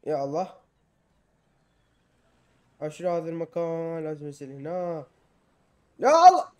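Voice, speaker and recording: A young man with an Iraqi Arabic accent gives excitable let's-play commentary and often yells in panic while playing. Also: fairly high pitch, moderate pace, clear, resonant tone. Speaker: gamer.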